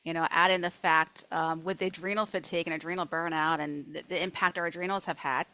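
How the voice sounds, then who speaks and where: A middle-aged woman hosting an interview in a casual way, chatty and upbeat and quick to laugh. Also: low voice, fairly even intonation, pushed and bright, rough recording. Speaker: host and dietless dieting coach.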